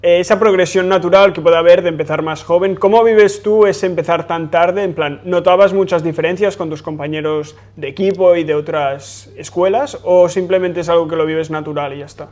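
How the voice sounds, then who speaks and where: Higher-pitched host. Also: male voice, steady tone, normal speed, few pauses, a little mellow. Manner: friendly, asks long framed questions. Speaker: podcast host. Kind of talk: conversational interview hosting.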